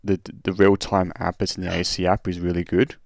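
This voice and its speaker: A man's voice: low-pitched, level tone, a little fast, creaky, dry recording, clean studio sound. A man hosting a racing stream, chatting casually and short on sleep, rambling with restarts and swearing. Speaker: streamer and race host. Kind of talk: casual chat over a race replay.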